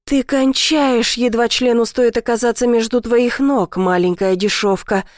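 A woman voicing a rough, possessive man with a hoarse, growling voice in an audiobook, speaking slowly and menacingly. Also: a little high, fairly even intonation, no echo, studio quality, close to an everyday voice. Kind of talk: audiobook character voice.

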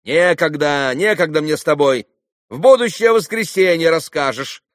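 A man voicing a loud, shrill young market woman scolding a boy, in a storybook reading. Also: normal speed, dry recording, studio quality, lightly acted.

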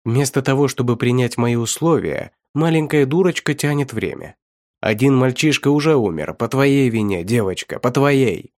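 A man's voice: mid-range voice, moderate pace, darkish tone, dry recording, clean studio sound, natural voice. A man voicing a cruel, mocking male villain who taunts his captive in an audiobook. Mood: taunting. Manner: taunting, sneering, laughs at his victim. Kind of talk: audiobook reading.

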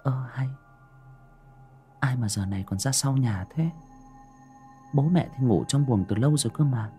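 A woman's voice: rumbling low, moderate pace, mellow, faint music behind. A man voicing a frightened young mother in a ghost story, stammering in panic. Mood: puzzled. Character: terrified young mother who saw a ghost.

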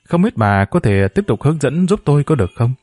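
Guy reading a stiff polite business visitor, plain even voice. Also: mid-range voice, brisk, dry recording. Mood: formal. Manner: formal, polite. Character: Japanese businessman, formal and polite.

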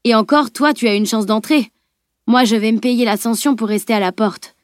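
A woman's voice: on the high side, normal speed, no echo, studio quality, natural voice. A woman reading an audiobook, voicing a teasing teenage boy who plays the joking sidekick.

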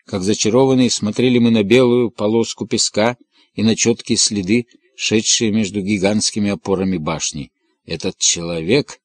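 A male audiobook reader with a lowish voice tells the story in a steady, measured way. The recording is close and dry, without room sound. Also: no echo. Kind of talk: scripted novel narration.

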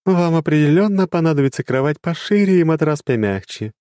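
A teasing, powerful dark goddess with a raised, mellow voice that swings widely in pitch, as a male narrator puts her on. She speaks up boldly, dry and close. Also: animated, a little fast, no room sound, natural voice. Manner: teasing and giggly, turning grave. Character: playful, sly, powerful dark goddess woman. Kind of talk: audiobook character voice.

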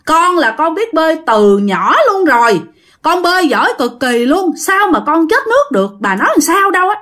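A woman voicing a brash, cocky boy who protests loudly. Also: high-pitched, normal speed, voice pushed up, natural voice. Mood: indignant. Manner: loud, protesting, indignant.

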